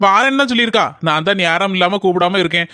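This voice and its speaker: A woman's voice: medium pitch, animated, racing, pushed and bright, no room sound, studio quality. A woman voicing a weary, henpecked young husband in a cartoon, complaining in a tired drone with a southern Tamil accent. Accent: southern Tamil (Tirunelveli–Kanyakumari). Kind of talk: cartoon comedy voice acting.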